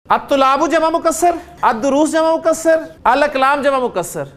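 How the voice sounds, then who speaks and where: A man teaching a grammar class at a steady, deliberate pace. He quizzes his students with short questions and draws out each sound slowly. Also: very high voice. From Pakistan.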